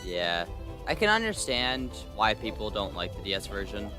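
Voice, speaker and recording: A man's voice: fairly low pitch, sing-song, normal speed, over music. A young man hosting a let's play, chatting casually and hesitantly with ums and restarts. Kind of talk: casual gameplay commentary.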